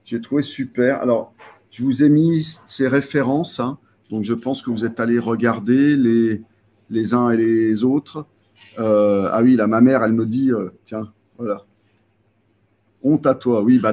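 A man's voice: mid-range voice, a little mellow. Rambling French man hosting a live stream. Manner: rambling, many fillers and restarts. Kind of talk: casual live stream chat.

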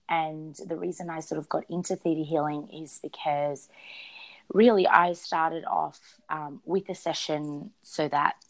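A woman's voice: deep voice, low-quality recording. A woman with an Australian accent, a podcast guest answering interview questions with many hesitations. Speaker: guest, theta healing practitioner.

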